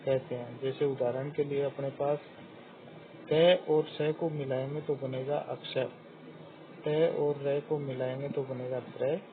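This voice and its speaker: A man teaching a grammar lesson, slowly and deliberately sounding out each letter one by one. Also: medium pitch, flat delivery. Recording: tinny phone-like audio with faint hiss.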